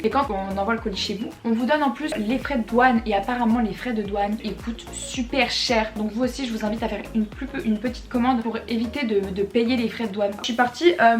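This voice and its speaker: A young woman from France chatting casually about her shopping haul as a vlogger, slangy with quick asides. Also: on the high side. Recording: echoey room with faint music.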